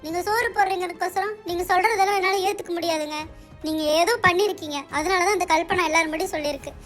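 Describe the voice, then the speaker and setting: A performer voicing a fiery young wife in an amateur doll serial, scolding her husband in a sharp, rapid-fire way. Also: very high voice, fairly even intonation, soft background music. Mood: accusing.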